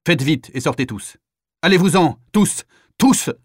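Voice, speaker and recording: A man's voice: a little high, moderate pace, no room sound, natural voice. Brief: man doing a brutal officer, harsh and exasperated, dry close recording. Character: cruel, impatient male officer.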